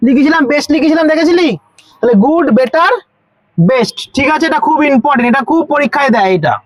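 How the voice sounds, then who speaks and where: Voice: high voice, lively intonation, quick pace, no echo, rough recording. A tutor with a Bengali accent teaching grammar to school students, asking questions, repeating the answers and spelling words out letter by letter.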